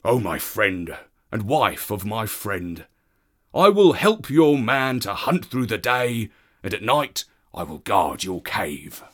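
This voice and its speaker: A man's voice: on the low side, big pitch swings, slow pace, exaggerated voice. A man playing an eager wild dog. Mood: devoted.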